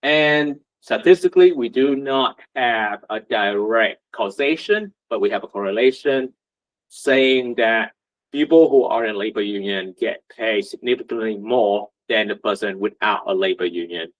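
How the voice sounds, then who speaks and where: At a moderate pace and with a lowish voice, a man from Vietnam presents at a meetup as a union rep. He speaks conversationally, leaning on rhetorical questions and fillers, and the recording sounds muffled and lo-fi.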